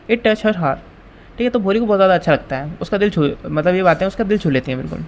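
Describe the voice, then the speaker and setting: A male teacher with an Indian English accent, explaining a textbook chapter. He reads English lines slowly, then explains them quickly in a mix of languages. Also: sits high, animated, slight background noise. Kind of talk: explaining a school textbook lesson.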